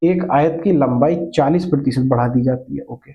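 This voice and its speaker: With the highs cut off in the audio, a man with a mid-range voice teaches math at a normal speed. He blends Hindi and English terms, patiently explaining every step, quizzing the class and restating key points.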